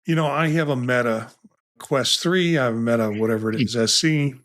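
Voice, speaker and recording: A man's voice: mid-range voice, fairly quick, a bit bright. A man co-hosting a casual tech podcast, talking in a rambling way with many restarts and asides. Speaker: podcast co-host.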